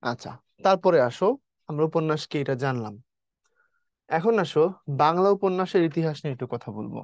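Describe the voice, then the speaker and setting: A male teacher, talking softly and slowly in an online class because he has a mild fever and a cold. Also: a little high, expressive, dry recording. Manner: speaks softly and slowly, teasing students.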